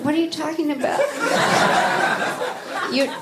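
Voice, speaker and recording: Rambling stand-up comedienne in echoey club. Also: female voice, high voice, fairly even intonation, heavy background noise. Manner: rambling, self-deprecating, halting restarts. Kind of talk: stand-up set with crowd work. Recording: echoey club with loud crowd laughter. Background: audience laughter.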